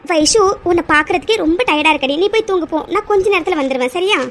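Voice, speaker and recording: A woman voicing a very high gentle cartoon girl. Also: fast talker, a little hiss or hum. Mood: soothing. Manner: soft, pleading, hesitant self-talk. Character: gentle young woman, orphan, soft-spoken and caring.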